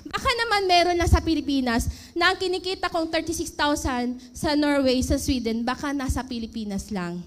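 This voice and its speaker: Animated high-voiced Filipino woman storyteller. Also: a little fast. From Philippines. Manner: lively storytelling, asks audience questions. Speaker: former overseas worker. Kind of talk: emotional personal testimony.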